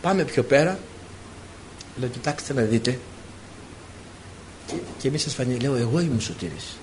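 A man's voice: medium pitch, animated, noisy background. A man preaching a sermon to his congregation, telling stories with emotion and acting out the dialogue. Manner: emotional storytelling, acts out dialogue.

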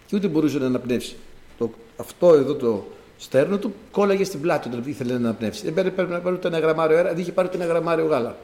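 His voice on the high side, a man preaches and shares a testimony with his congregation. He is animated, veering from loud exclamations to quiet asides and mimicking sounds, all captured in an echoey hall.

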